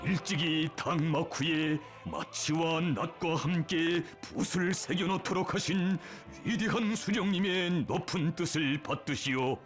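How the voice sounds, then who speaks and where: High-pitched North Korean man, solemn documentary narrator. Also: unhurried, hardly any pauses, over music. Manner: solemn, reverent, emotive declamation. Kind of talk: scripted propaganda documentary narration.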